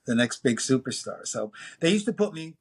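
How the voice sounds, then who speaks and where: A man's voice: medium pitch, a little fast, creaky, husky. Man in his 60s, new york accent, rambling storyteller, lots of uhs and acted-out quotes. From New York City. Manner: rambling, anecdotal, lively quoted voices, many fillers. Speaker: music producer and engineer guest. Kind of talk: casual interview storytelling.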